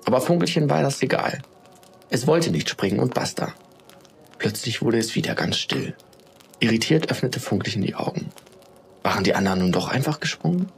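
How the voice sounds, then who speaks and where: A man narrating a children's bedtime story in a calm, steady storytelling manner. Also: mid-range voice, vocal fry, slight background noise.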